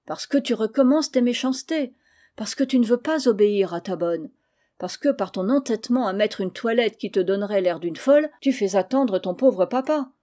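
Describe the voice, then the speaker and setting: A woman's voice: mid-range voice, normal speed, mellow, natural voice. A woman reading the part of a worried, tender mother who is firm with her child, in an audiobook of a classic novel. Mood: earnest. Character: anxious, tender young mother, easily discouraged.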